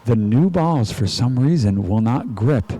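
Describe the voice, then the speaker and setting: A man's voice: medium pitch, lively intonation, unhurried, dark tone. A man hosting a live stream, chatting casually and rambling with fillers. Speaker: host and venue owner.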